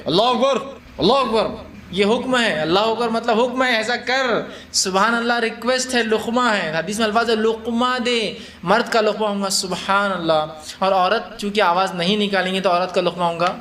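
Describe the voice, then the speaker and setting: A man's voice: high voice, a bit bright. A man giving a religious lecture, explaining conversationally by asking and answering his own questions and acting out scenes. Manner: acts out scenes with shifted voices. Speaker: Islamic lecturer.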